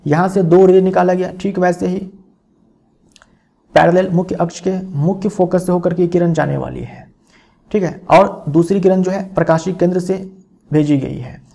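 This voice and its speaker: A man teaching a physics lesson in a somewhat high yet dark, mellow voice with a gravelly edge. He explains step by step, repeating key phrases and checking that his students follow.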